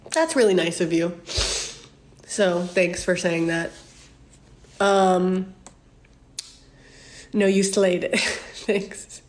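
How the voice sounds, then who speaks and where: A woman in her twenties casually answering viewer questions to her phone, chatty and candid, with frequent ums and laughs. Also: medium pitch. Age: 20s. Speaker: social media creator answering fan questions. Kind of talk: casual Q&A chat.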